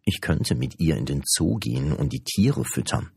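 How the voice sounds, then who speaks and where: A man voicing an eager, fussy, self-deprecating gentleman in an audiobook. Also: extremely low pitch, very animated, moderate pace, creaky, slightly rough, dry recording, studio quality, exaggerated voice.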